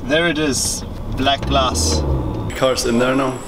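A man's voice: medium pitch, very animated, takes it slowly. A man in his thirties narrating a travel vlog and asking interview questions, filming himself at arm's length outdoors. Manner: casual, direct questioning. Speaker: vlogger and interviewer. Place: outdoors on city streets and in a car. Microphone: handheld camera at arm's length. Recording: noisy street recording.

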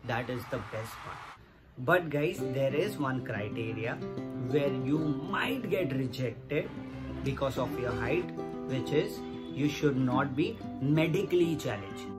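A man's voice: mid-range voice, animated, unhurried. Earnest man vlogging over background music. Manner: earnest, repeats points, direct appeals to viewers. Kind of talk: casual explainer talking to camera. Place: small indoor room against a plain wall. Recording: music playing underneath.

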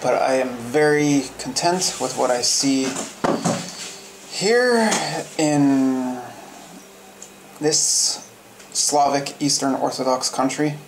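A man with a noticeably creaky, gravelly voice chats casually. He words things carefully and dryly, over faint background noise. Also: mid-range voice, takes it slowly, pauses often. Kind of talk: casual chat. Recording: faint ambient noise, clinking dishes.

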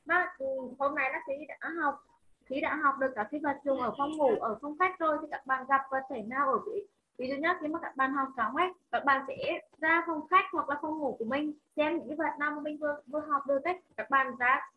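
A woman teacher with a Vietnamese accent running an online English vocabulary drill. She models each word slowly, repeats it and coaxes her pupils to say it back, on a video call. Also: high-pitched, dull audio, a little hiss or hum.

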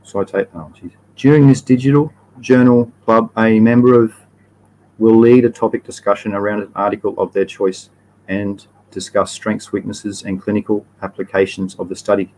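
A man's voice: fairly low pitch, fairly even intonation, normal speed, a little mellow, a little hiss or hum, low-quality recording. An Australian man hosting a live stream, chatting casually in a rambling, slangy way and often correcting himself mid-sentence.

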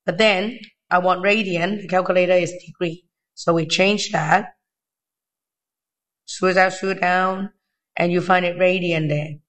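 Male maths tutor, high-pitched thin voice, weak from being unwell, informal step-by-step delivery. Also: steady tone, a little slow, pauses often, a bit bright. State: unwell, weakened voice. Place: indoors at a desk.

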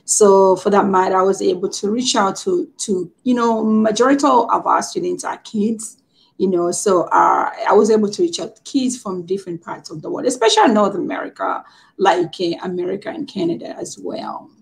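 A woman's voice: mid-range voice, normal speed, gravelly. A middle-aged woman from Tanzania, a teacher, answering interview questions over a video call in a friendly, easygoing way. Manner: friendly, easy laughs, many you-knows. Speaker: guest, teacher.

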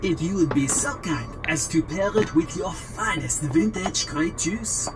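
A pompous robot gourmet from a video game, with a French accent. He is fussy and formally courteous, drawing out his words over clear background music. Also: on the high side, animated, unhurried. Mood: pleased, pompous. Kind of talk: video game character acting.

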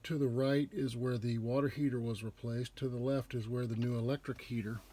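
A man's voice: medium pitch, steady tone, fairly quick, warm tone, slightly rough. A man with a Southern US accent walks through an RV repair shop, explaining the technical work in a plain, casual way with some fillers. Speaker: RV shop tour guide. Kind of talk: casual walkthrough narration. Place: large indoor RV repair shop.

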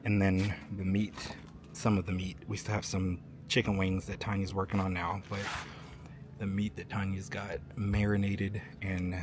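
A man talking through his day in a relaxed, chatty vlog, with easy fillers, into a handheld camera. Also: sits low, moderate pace. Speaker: vlogger. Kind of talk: casual vlog narration.

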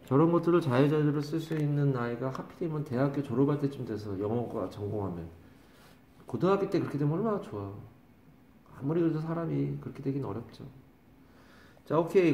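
A man teaching English vocabulary to a class, drawing out pronunciations slowly and teasing and scolding his students. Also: medium pitch, mellow. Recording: echoey classroom.

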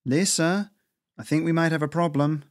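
A man puts on a rash young female squirrel, a storybook treasure hunter who is anxious and quick to defend herself. The voice is pitched high above his own. The sound is dry. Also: steady tone, no echo, close to an everyday voice. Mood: defensive.

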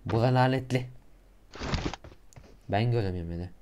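A young man giving casual, slangy commentary over a mobile shooter game, getting loud and excited in tense moments. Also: medium pitch, moderate pace, background noise. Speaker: gaming YouTuber.

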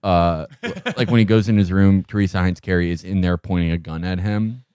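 Man, low voice, dry close mic, rambling sardonic comedic recap, breaks into laughs. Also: fairly even intonation, brisk, a little mellow, smooth, no room sound. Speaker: podcast co-host.

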